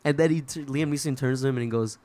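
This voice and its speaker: A man's voice: medium pitch, fast, darkish tone. A man talking casually as a guest on a podcast, laid-back and rambling, laughing often. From Inland Empire, California. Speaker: guest musician.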